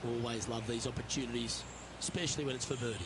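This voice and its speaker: A man's voice: medium pitch, steady tone, quick pace, natural voice. A man working as a lead golf commentator, anchoring game broadcast coverage in a composed, appreciative way. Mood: composed, engaged. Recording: loud music and crowd noise behind.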